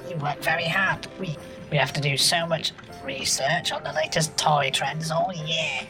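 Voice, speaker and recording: A man's voice: on the high side, fairly even intonation, normal speed, music in the background, pitched above the performer's own voice, natural voice. A man putting on a sly naughty elf. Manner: sly and mischievous, relishes sabotage. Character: scheming naughty male North Pole elf. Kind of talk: comedy podcast sketch.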